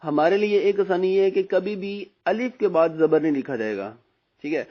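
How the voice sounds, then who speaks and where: A man's voice: high-pitched, expressive. Patient male Quran teacher, lo-fi recording. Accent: Pakistani Urdu. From Pakistan. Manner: slow, drawn-out recitation of letter sounds between explanations; patient, repeats "theek hai" often. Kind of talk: recorded lesson on braille Quran reading. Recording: dull lo-fi recording.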